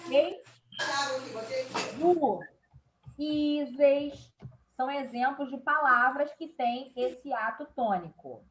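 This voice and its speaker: High-voiced Brazilian woman teaching slowly. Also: a bit bright, lo-fi sound, a little hiss or hum. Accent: Brazilian Portuguese. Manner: explains step by step, checks in with "tá?" and "ok?". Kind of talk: recorded grammar lesson.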